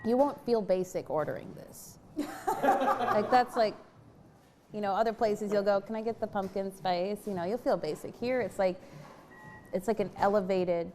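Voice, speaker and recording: A woman tries pastries and coffee on camera, joking playfully as she chats. Her voice sits at an ordinary middle pitch, with a faint hum of room noise behind. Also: normal speed, long pauses. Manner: playful, joking, laughs often. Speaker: reporter tasting food. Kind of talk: casual on-camera tasting.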